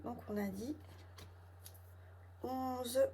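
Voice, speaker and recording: A woman with a southern French accent, counting through her budget envelopes at home and muttering figures under her breath as she thinks aloud. Her voice sits a little high. Steady background noise and small clicks run behind her. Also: extremely slow. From south of France. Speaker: budget vlogger. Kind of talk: casual talk while counting budget envelopes.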